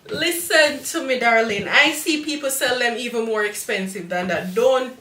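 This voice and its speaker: Bright Jamaican woman chatting in an echoey room. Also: a little high, moderate pace, distant mic. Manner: chatty and motherly, calls viewers darling and sugar. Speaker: cake decorator hosting a live stream. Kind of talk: live tutorial chat with viewers.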